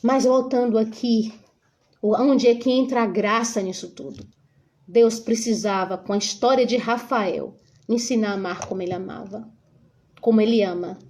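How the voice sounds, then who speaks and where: A woman's voice: fairly high pitch, steady tone, normal speed. A middle-aged woman giving an earnest, emotional religious testimony as a mother, speaking tenderly to her listeners from her home hallway. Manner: earnest, emotional, addresses listeners warmly as dear ones.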